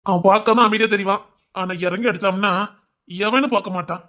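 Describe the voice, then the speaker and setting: Male storyteller with a high-pitched voice who voices all the parts of a dramatic audio story. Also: steady tone, a little fast, sharp tone. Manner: wondering, questioning, then conversational dialogue.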